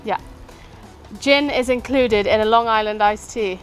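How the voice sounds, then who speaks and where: A woman with a fairly high voice chats casually as a contestant in a quiz game. She speaks in short answers, with some music in the recording. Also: measured pace.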